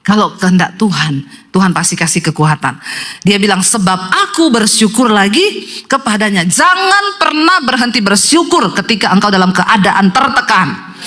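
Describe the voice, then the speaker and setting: Woman pastor, animated sermon storyteller, speaks straight to the congregation. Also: mid-range voice. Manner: lively storytelling, addresses congregation often.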